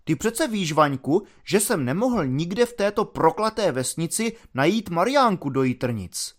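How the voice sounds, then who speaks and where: A man's voice: sits high, very animated. A man voicing a boastful, chatty army cook in a storybook reading.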